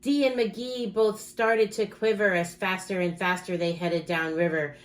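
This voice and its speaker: With a fairly low voice and an unhurried delivery, a woman teacher performs a rhyming picture book for kids, rhythmic and expressive with dramatic emphasis.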